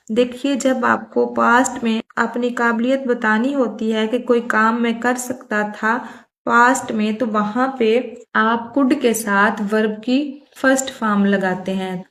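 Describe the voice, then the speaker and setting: Slow, high-voiced woman teaching English. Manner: slow, explanatory, says English examples slowly and clearly. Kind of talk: spoken English lesson for Hindi speakers.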